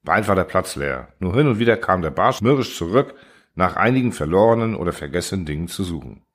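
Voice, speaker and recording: A man narrating a story in a measured, dramatic storytelling manner. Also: low voice, lively intonation.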